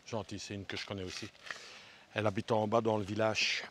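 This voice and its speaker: A man's voice: lowish voice, little pitch movement, quick pace, a bit bright, a little hiss or hum. A man vlogging casually while walking outdoors, hot and short of breath, joking and talking straight to his viewers. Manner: chatty, jokey, addresses viewers directly. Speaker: travel vlogger. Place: outdoor ridge path.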